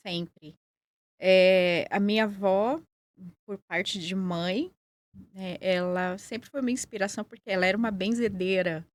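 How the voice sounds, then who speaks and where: A woman with a São Paulo accent, answering interview questions in a measured, explanatory way. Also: mid-range voice, fairly even intonation. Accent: Paulista Brazilian Portuguese. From São Paulo, Brazil. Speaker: guest, acupuncturist and nurse.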